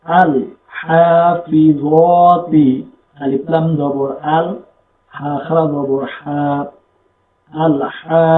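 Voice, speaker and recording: A man teaching Quran reading, with a Bangladeshi Bengali accent, spelling out letters and vowel marks and blending them slowly into syllables. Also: on the high side, slight background noise. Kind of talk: slow spelling-out recitation lesson. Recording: echoey room, tinny phone-like sound.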